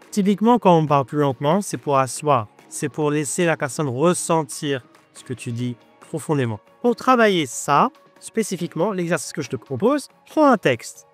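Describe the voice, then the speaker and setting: Expressive male voice coach, fairly high. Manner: lively, expressive, constantly shifting pitch and pace to demonstrate. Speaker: public speaking trainer. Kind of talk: video lesson on voice and tone.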